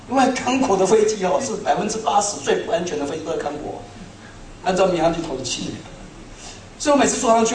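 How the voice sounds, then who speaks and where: A middle-aged man preaching a sermon to a congregation, telling stories in an animated, self-mocking way. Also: high voice. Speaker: pastor. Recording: echoey hall, speaker far from mic.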